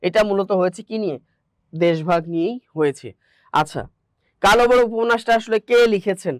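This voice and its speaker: A man's voice: high-pitched, brisk, no room sound. A man with a Bangladeshi Bengali accent teaching an exam-prep grammar lesson, asking rhetorical questions and repeating the answers.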